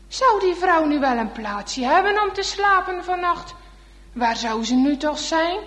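High-voiced woman reading a children's story. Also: fairly bright tone. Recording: echoey hall reverb.

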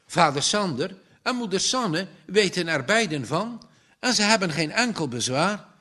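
A man's voice: sits high, sing-song, unhurried, fairly bright tone, full character voice. A man voicing a cheerful young man in love. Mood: joyful. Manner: cheerful, triumphant.

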